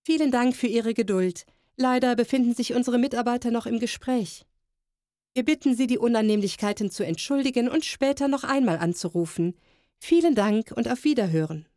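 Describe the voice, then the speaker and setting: Mellow woman's customer service phone announcement voice. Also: a little high, fairly quick, no echo, clean studio sound. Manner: polite, formal customer service voice. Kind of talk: scripted telephone announcement.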